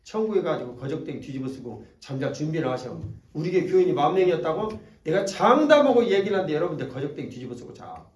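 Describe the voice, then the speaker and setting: A man's voice: a little high, big pitch swings, fast talker, hardly any pauses, distant mic. A man with a Jeolla accent, preaching a sermon at a revival meeting in a folksy, joking way that teases the congregation. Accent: Jeolla Korean. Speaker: pastor. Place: church sanctuary. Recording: echoey church hall from off-mic.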